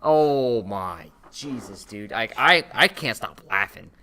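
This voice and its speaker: A young man hosting a casual podcast chat, animated and talking in quick bursts. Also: mid-range voice. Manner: animated, talks fast in bursts about fighting games. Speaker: podcast host.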